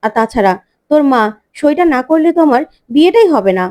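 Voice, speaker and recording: Cagey young groom read by a woman, high voice, mellow tone, calm replies. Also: fast talker.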